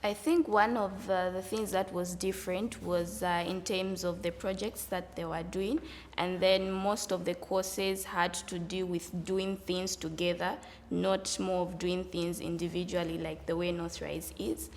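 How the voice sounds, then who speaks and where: A woman's voice: on the low side, level tone, a little slow. A young woman from Zambia, an exchange student, answers interview questions earnestly and often closes her points with "yes". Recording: hall reverb, faint background noise.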